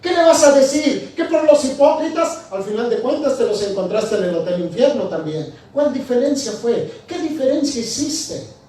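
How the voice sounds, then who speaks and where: A man's voice: very high voice, normal speed. A male pastor preaching a sermon, telling stories with animation and acting out the dialogue. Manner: animated storytelling, acts out dialogue. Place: church. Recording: echoey church, distant mic.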